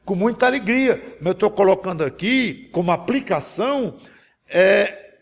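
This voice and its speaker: Guy preaching, gravelly and a bit husky, pleading and earnest, keeps restarting his words. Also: sits high, expressive, a little slow. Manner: earnest, pleading, with many restarts and self-corrections. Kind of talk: sermon with a spoken example prayer.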